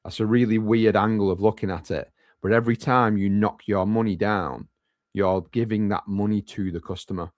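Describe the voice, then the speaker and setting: A man's voice: lowish voice, fairly even intonation, moderate pace, a little mellow, no room sound, studio quality. A man co-hosting a live business Q&A, talking casually and bluntly with the odd swear word. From United Kingdom. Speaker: podcast co-host.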